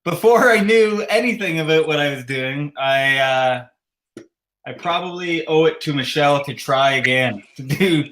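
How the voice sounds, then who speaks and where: A man's voice: a little high, moderate pace, fairly bright tone. A Canadian man with a slight lisp, hosting a casual livestream chat and rambling with frequent chuckles. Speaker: host.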